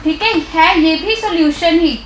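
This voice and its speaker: A woman's voice: very high-pitched, measured pace, echoey room, a little hiss or hum, low-quality recording. A woman teaching a science class who keeps checking that her students follow along with questions to the class, speaking with a Hindi accent. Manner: explanatory, keeps checking understanding with rhetorical questions. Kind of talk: live online doubt-clearing class.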